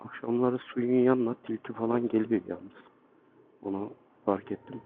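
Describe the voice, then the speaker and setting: A man's voice: medium pitch, fairly even intonation, normal speed, narrow, tinny audio, a little hiss or hum. A man narrating a casual outdoor motovlog as a guide, speaking from inside a motorcycle helmet. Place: outdoors on forest roads.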